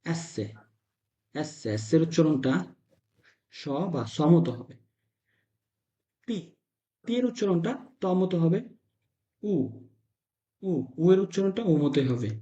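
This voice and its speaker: Man, language teacher, repeats syllables in chants, slightly high voice, echoey room. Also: animated, slow, long pauses, warm tone. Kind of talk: teaching letter sounds to a class. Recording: echoey room, dull lo-fi sound.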